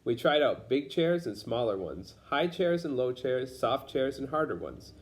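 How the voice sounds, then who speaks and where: Reading a picture book aloud to children, a man with a medium-pitched voice tells the story in simple phrases like a read-aloud storyteller for young listeners. His intonation is lively and his pace a little slow.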